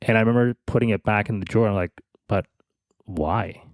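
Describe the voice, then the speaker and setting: Male podcast co-host, low pitch, thoughtful and halting, dry studio sound. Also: fairly even intonation, clear, resonant tone, no room sound. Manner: halting, many restarts, soft laughs. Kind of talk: reflective personal storytelling.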